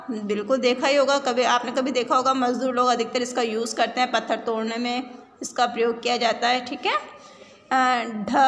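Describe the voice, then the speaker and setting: A woman's voice: sits high, fairly bright tone. A woman teaching young children to read, stretching words out syllable by syllable and answering her own questions. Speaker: primary school Hindi teacher. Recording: echoey room, faint background hum.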